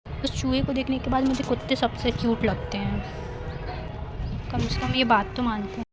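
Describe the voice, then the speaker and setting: A woman's voice: on the high side, steady tone, moderate pace, loud music behind the voice. A young woman vlogging casually to camera, chattering nervously and rambling, laughing at herself, moving between a rooftop and a room at home. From India. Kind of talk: casual vlog talk to camera.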